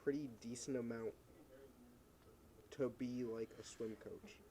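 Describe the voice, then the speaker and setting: A man's voice: medium pitch, steady tone, a little slow, mellow, a little hiss or hum. A young man hosting a casual chat with a friend, laid-back and rambling, often repeating himself. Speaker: host.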